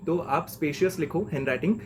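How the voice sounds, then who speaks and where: A man's voice: fairly high pitch, brisk, a little hiss or hum. A young man giving a chatty, slangy lesson of exam tips as a mentor. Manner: chatty and slangy, keeps saying "okay?".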